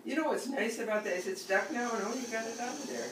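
A woman's voice: fairly high pitch, quick pace, slight background noise. An older woman chatting casually as a doting grandmother, curious and full of wonder. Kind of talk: casual family chat. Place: home kitchen with tiled floor. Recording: roomy, distant mic, loud household clatter.

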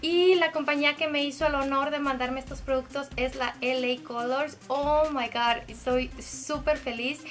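A young woman vlogger chatting excitedly as she unboxes makeup, gushing and squealing with delight. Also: sits high, moderate pace, hardly any pauses, faint music behind. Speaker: beauty vlogger.

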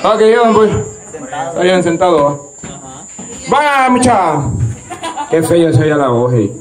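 Salvadoran male streamer, casual and teasing, fairly high voice, heavy cathedral echo off a speaker, busy crowd behind. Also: big pitch swings, unhurried. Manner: joking, teasing, counting into a mic for a sound check. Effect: heavy cathedral-like echo from a loudspeaker. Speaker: streamer hosting a subscriber celebration. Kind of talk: casual live-stream chat.

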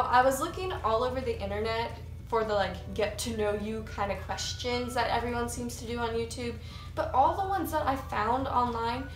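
An eighteen-year-old American YouTuber with a fairly high voice chats to camera in a casual get-to-know-me vlog, talking with her hands. She's indoors in a small room with a cinder block wall and a couch, recorded by a camera mic a few feet away, so the sound is distant and echoey.

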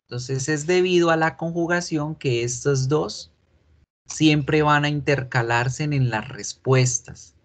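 A man's voice: a little high, takes it slowly. A man teaching English in an online class, explaining patiently and repeating examples.

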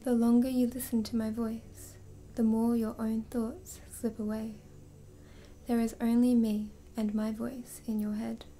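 A woman hypnotist leading a slow, soothing induction, drifting in and out of a whisper. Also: fairly high pitch, level tone, warm tone.

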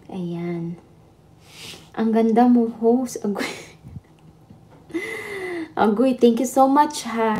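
A woman's voice: medium pitch, mellow. Chatty woman livestreaming. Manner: chatty, laughing, switching between Tagalog and Visayan. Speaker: livestream host. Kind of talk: casual live chat with viewers.

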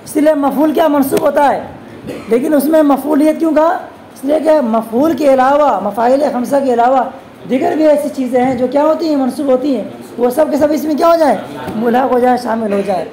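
Woman teacher with a high mellow voice, keeps asking the class questions and answering, calls students beta. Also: fairly quick, slight background noise, low-quality recording. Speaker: religious teacher. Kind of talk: classroom grammar lesson.

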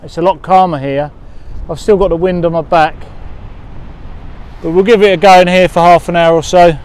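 A man in his forties vlogging as he sea-fishes from a windy harbour wall, rambling with many fillers and excited when he gets a bite. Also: high-pitched, moderate pace, clean tone. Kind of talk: casual outdoor vlogging. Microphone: action camera at arm's length.

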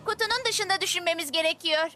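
A woman dubbing an eager, excitable young boy agent in a kids' show. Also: extremely high pitch, quick pace. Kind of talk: dubbed kids' show acting. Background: music.

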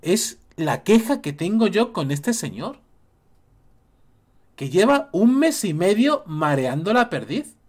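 Indignant man with lively pitch. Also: slow pace. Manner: indignant, repeats points and mocks others in quotes. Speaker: YouTube commentator. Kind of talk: opinion rant to camera.

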